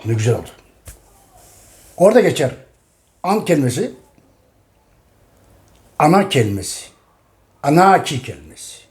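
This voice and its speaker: A man's voice: a little high, sing-song, moderate pace, long pauses, darkish tone. A middle-aged man talking casually to his audience, emphatic and repeating each phrase. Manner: addresses his audience directly. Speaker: host. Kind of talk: casual talk.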